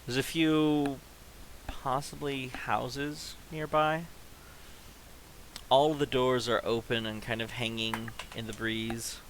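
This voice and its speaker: A man narrating a tabletop role-playing game as game master, in a halting, unhurried way. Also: mid-range voice, flat delivery, a bit bright, a little hiss or hum, rough recording. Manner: slow, halting narration with pauses.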